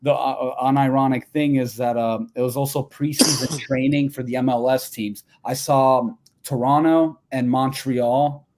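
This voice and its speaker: A man's voice: medium pitch, steady tone, moderate pace, few pauses, darkish tone. A man from Albania co-hosting a sports call-in show, chatting casually with many fillers and restarts. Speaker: co-host.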